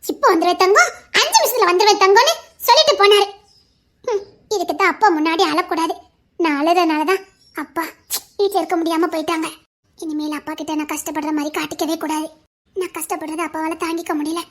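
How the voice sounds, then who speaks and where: A woman's voice: very high voice, fairly quick, a bit bright. A young woman acting a worried daughter left alone at home, tearful and pleading as she waits for her father. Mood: sad. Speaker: actor in a web drama. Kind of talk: emotional dramatic dialogue.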